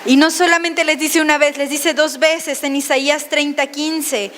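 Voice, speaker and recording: A woman preaches in a high, animated voice. She keeps asking the congregation questions. Faint noise sits behind her. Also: a little slow, long reverb tail. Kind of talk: sermon.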